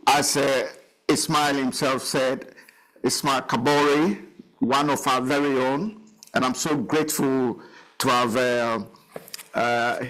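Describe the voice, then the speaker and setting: A man's voice: mid-range voice, a bit bright, low-quality recording. A man hosting a television talk show, interviewing a guest in a rambling, chatty way with frequent laughs. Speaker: TV show host.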